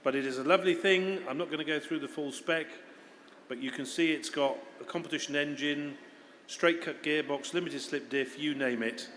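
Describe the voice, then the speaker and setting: A man's voice: on the high side, normal speed, fairly bright tone, slight background noise. A man in his fifties introducing auction lots informally, with conversational asides. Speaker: auction presenter describing lots. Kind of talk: informal live lot description. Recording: echoey hall with long reverb.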